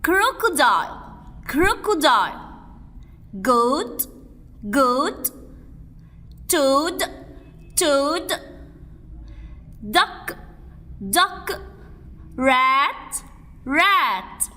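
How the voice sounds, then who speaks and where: A woman teaching spelling to young children, saying each word and letter slowly in a sing-song way. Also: sits high, sing-song, bright, forceful tone, in a large hall. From Egypt. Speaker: kindergarten English teacher. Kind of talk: spelling drill lesson for young kids.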